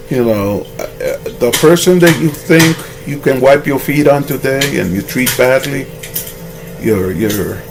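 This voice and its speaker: A man's voice: mid-range voice, background noise. A man giving rambling, moralizing commentary on a vlog and telling a fable, often restarting his sentences. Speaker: vlogger.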